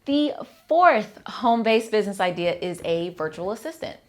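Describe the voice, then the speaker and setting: A woman's voice: medium pitch, animated, normal speed, darkish tone. A woman accountant hosting her channel, giving an upbeat, direct, scripted explainer and speaking straight to the viewer.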